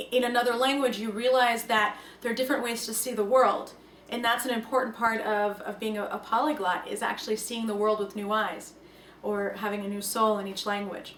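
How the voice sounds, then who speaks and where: In a personal talk to camera, a young Russian-native woman comes across as earnest and reflective, putting lively emphasis on her key points. Her voice sits slightly high. Captured from a distance in an echoey room, she is well away from the mic, with a faint hum underneath.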